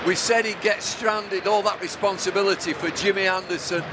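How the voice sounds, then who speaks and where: A man's voice: sits high, steady tone, moderate pace, a loud crowd. A man working as a cricket co-commentator, summing up the play live. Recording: clearly noisy outdoor ground.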